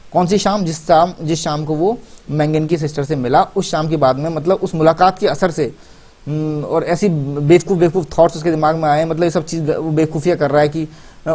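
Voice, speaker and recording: A man teaching a story, reading English lines slowly and then explaining them in Hindi with many fillers. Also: on the high side, dark tone. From India. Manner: repeats and rephrases with many fillers.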